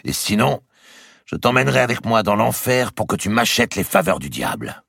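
A man voicing a boisterous, jovial giant of a nobleman in an audiobook, with a booming, exclamatory delivery. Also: very animated, normal speed, vocal fry, fairly bright tone, dry recording, heavily acted. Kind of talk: audiobook character reading.

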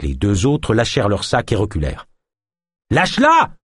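A male audiobook narrator reads a thriller in a steady, measured way. His voice is low and husky, recorded dry and close. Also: no room sound. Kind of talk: scripted narration of a thriller novel.

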